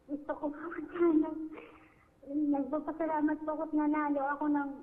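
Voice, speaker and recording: A woman from Samar, a domestic worker calling into a game show, speaking politely and softly while crying. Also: high-pitched, level tone, fairly quick. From Samar, Philippines. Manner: polite, soft-spoken and tearful. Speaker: caller. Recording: tinny phone line with reverb.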